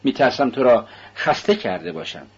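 A man reading a novel aloud, voicing an anxious, loving older mother in a raised, husky voice. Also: medium pitch, very animated, highs cut off. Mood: fussing, tender.

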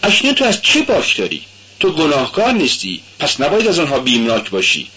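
A man reading aloud and voicing an excitable, loyal young male friend with an animated, eager, pitched-up delivery. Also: husky, dull audio, full character voice.

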